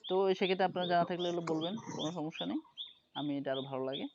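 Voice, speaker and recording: Male teacher, fairly high voice, patient explainer, dull lo-fi audio with noise behind. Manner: patient, explains slowly, often checks understanding. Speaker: English teacher. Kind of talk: online class lesson.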